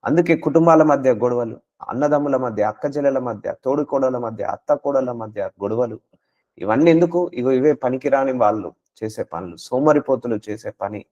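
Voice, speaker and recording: A man's voice: medium pitch, moderate pace, a little mellow. Man preaching a sermon, dull audio. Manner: exhorting, rhetorical questions, mixes English words.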